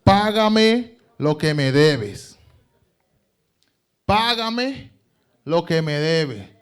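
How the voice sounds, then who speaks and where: A man's voice: very high voice, animated, drawn-out words, pushed and bright, pitched above the performer's own voice, heavily acted. A man preaching acts out an arrogant male servant who harshly and insistently demands his money. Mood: demanding.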